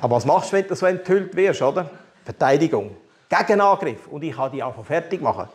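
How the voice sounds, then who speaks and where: Speaking a little fast with lively intonation and a slightly high voice, a Swiss German-accented man preaches his testimony. He shares his personal story candidly, full of animation and humor.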